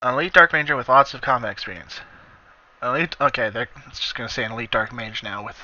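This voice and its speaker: Very bright-voiced man doing casual let's-play. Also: mid-range voice, quick pace, no room sound, lo-fi sound. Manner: informal, swearing. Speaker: gaming video host. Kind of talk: casual let's-play commentary, reading game dialogue aloud.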